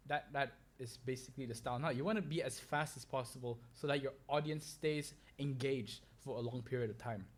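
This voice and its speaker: Young guy, solo podcast host, a little high-pitched, loose and rambling. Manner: rambling, with fillers and restarts.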